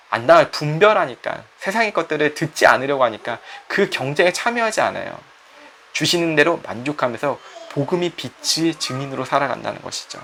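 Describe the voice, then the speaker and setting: A man's voice: a little high, gravelly, sharp tone, slight background noise. A middle-aged man, a pastor, giving a conversational sermon that acts out quoted voices and puts questions to the listeners.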